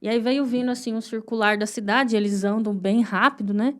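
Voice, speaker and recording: Young Brazilian woman, fairly high voice, heartfelt testimony, halting and repeating herself. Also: fairly even intonation. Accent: Brazilian Portuguese. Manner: earnest, halting storytelling with pauses and repetitions; vivid, heartfelt retelling of painful memories. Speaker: guest sharing her testimony. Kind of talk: emotional personal testimony.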